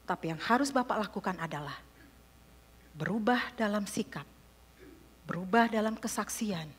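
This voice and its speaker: A gentle older pastor gives counsel in a soft, low, calm voice that drops almost to a whisper. He speaks slowly and kindly, as a woman preacher puts him on in a story. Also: slightly rough, long reverb tail.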